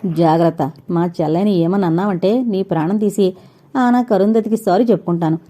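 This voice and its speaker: A woman's voice: fairly low pitch, a little fast, warm tone, close to an everyday voice. A woman reading as a bossy young man scolding. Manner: scolding, blustering. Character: bossy protective young man, teasing friend.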